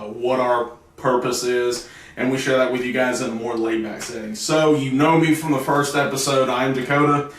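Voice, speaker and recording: A young man hosting a casual podcast chat, rambling and stumbling over his words. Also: mid-range voice. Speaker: podcast host. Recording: roomy echo, mic at a distance.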